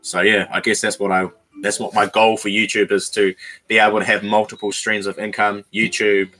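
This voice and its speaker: A young adult YouTuber sits in a small bedroom, chatting casually with his livestream viewers and reading their comments aloud. His speech is slangy and relaxed, full of "bro" and "man," in a fairly low voice at a fairly quick pace.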